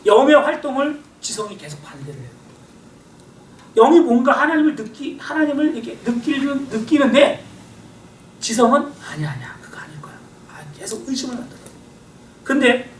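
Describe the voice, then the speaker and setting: A middle-aged male pastor giving a sermon lecture in a church hall, acting out inner voices and swinging between loud and quiet. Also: very high-pitched. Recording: echoey hall, voice from far off, faint hiss.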